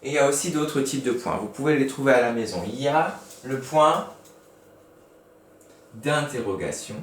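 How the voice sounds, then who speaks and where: A man teaching young pupils a recorded grammar lesson in speech, patient and slow, spelling out each step. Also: mid-range voice, animated. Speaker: primary school teacher. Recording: echoey room, mic at a distance.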